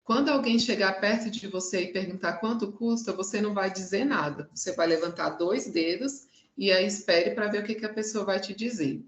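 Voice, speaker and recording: A patient, wise father, voiced by a woman with a Brazilian accent, who talks in a steady, instructive way. His pitch sits in a middle range. The room adds a noticeable echo. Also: a little fast, hardly any pauses, close to an everyday voice. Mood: calm. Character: calm wise father teaching his son. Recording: echoey room.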